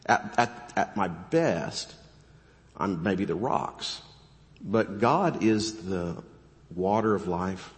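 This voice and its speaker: A middle-aged pastor preaches with a somewhat low, hoarse voice that keeps breaking into coughs. He slips joking asides into earnest exhortation, and the sound carries a long reverb from the church hall. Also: expressive, slow. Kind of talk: sermon. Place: church sanctuary.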